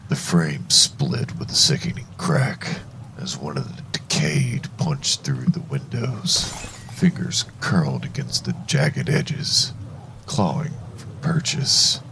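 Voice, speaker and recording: A man narrating a first-person horror story in a hushed, deliberate, suspenseful way, with a gravelly voice. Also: rumbling low, sing-song, a little hiss or hum, low-quality recording.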